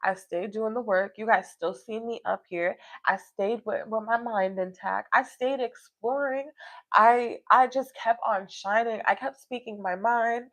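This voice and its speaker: At a measured pace, a woman with a fairly high, fairly bright voice talks to viewers on a personal livestream. She's casual, reflective, and motivational, rambling and emphatic while repeatedly confirming that her listeners understand.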